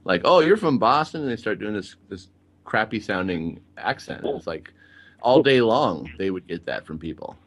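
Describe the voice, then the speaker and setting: A man who teaches English abroad, talking in a halting way and repeating words as he goes. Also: sits low, expressive. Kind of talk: casual radio chat.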